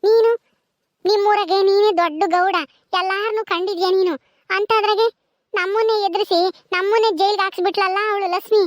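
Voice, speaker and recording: A tearful, vengeful young village granddaughter, played by a woman with a rural Tumakuru Kannada accent. She pleads and complains in a very high, thin voice. The recording is close and dry. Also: steady tone, a little fast, no echo. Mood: bitter. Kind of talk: village family drama acting.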